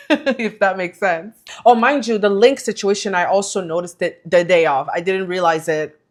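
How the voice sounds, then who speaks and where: Woman vlogger, casual talking-head delivery, lively and self-correcting. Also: mid-range voice. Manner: chatty, self-correcting, animated. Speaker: vlogger and coaching business owner.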